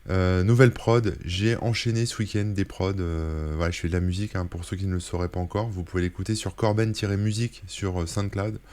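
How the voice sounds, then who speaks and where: A man's voice: sits low, fairly even intonation, a little fast, hardly any pauses, darkish tone. A French man hosting a casual weekly roundup of tech links, rambling with many fillers and self-corrections. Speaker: tech blogger and streamer. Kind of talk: casual screen-share link roundup.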